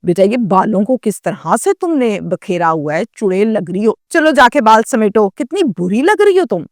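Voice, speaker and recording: A woman's voice: medium pitch, expressive, no room sound, studio quality, natural voice. A woman voicing a scolding aunt in a spoken story. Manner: chiding.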